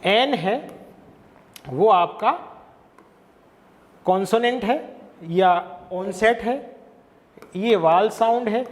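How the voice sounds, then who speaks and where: A man with a Hindi accent lectures for an exam-prep class in a fairly high voice. He explains slowly, asking questions aloud and then answering them himself. His voice carries a long reverb, as if in a large hard room. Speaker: English exam tutor.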